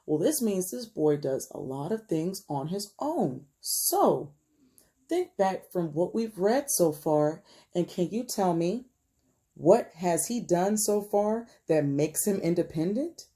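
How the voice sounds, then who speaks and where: Slow and careful, a woman elementary school teacher reads a children's picture book aloud and puts questions to her pupils. She tells the story expressively and gently for young listeners, inviting them in, her mellow voice ranging widely in pitch and frequently falling to a hush.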